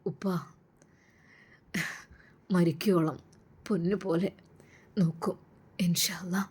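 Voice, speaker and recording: A woman putting on a soft-spoken young scholar groom. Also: on the low side, fairly even intonation, slow pace, breathy edge, voice pushed down, exaggerated voice. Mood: tender. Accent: Malabar Malayalam. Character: gentle young male religious scholar, bridegroom.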